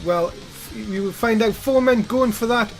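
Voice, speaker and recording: A male pre-show host with a notably high-pitched voice presents a wrestling event. He announces upcoming matches and hands over to his panel, with faint music behind him. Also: a little slow. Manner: announcer-like, addresses co-panellists and audience.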